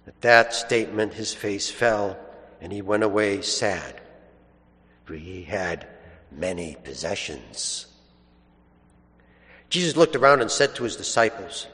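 A man, a priest or deacon, giving a measured liturgical reading of the gospel, his voice ringing with a cathedral-like echo. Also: medium pitch, a bit bright. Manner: slow, measured delivery. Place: large church. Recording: long reverb in a large church.

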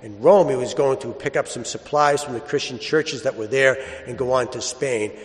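Priest preaching in long cathedral echo. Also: male voice, mid-range voice. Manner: plain storytelling with pauses and repeated rhetorical asides. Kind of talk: Gospel reading and conversational homily. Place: large reverberant church.

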